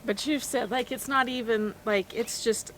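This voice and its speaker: A woman's voice: on the high side, fairly even intonation, normal speed. Lady co-hosting a vlog, just chatting casually, bit of background noise. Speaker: RV travel vlog co-host. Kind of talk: casual unscripted vlog chat.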